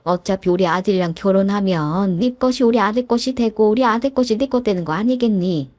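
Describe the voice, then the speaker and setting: A woman's voice: mid-range voice, fairly quick, darkish tone, no echo, lightly acted. A woman voicing a pushy, self-pitying older mother-in-law in a storybook drama, wheedling and guilt-tripping. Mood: pleading, pushy.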